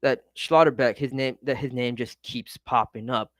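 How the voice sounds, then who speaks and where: A man's voice: mid-range voice, fairly even intonation, normal speed, dry recording. A man co-hosting a casual football chat, chatty with a dry, sarcastic edge. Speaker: podcast co-host.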